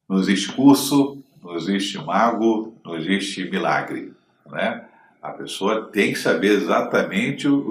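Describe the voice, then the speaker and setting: The room sounds spacious around this man's low voice, with a bit of hiss or hum. He presents a communication lesson to the camera in a didactic manner, often checking in with listeners via short questions.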